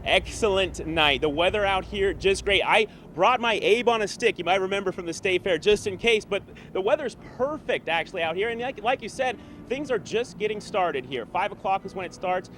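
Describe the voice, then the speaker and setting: A man's voice: high-pitched, lively intonation, normal speed, hardly any pauses, fairly bright tone, slight background noise. A young man working as a TV news reporter, delivering live field reports and news packages in an upbeat, chatty, enthusiastic way.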